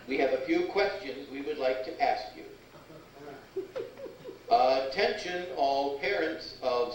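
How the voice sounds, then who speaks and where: A chirpy mall announcer, played by an actor, reading notices over the PA in a bright official tone. His voice sits slightly high. It echoes from far away, like a loudspeaker in a big hall. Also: slight background noise, lightly acted. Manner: cheery, scripted announcer delivery. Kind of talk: public address announcement.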